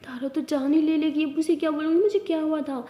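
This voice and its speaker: A woman's voice: high-pitched, steady tone, fast talker, dark tone, close to an everyday voice. Siya, a woman playing a weary apologetic schoolgirl. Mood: defensive. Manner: apologetic, drowsy, defensive. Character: tired, apologetic teenage schoolgirl, dazed and stubborn. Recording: echoey room with long reverb.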